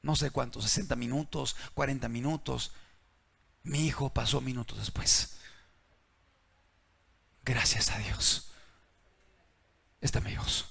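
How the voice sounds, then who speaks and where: Man, preacher, dramatic sermon, very slow delivery, creaky voice. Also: medium pitch. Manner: dramatic, swings between hushed and shouting.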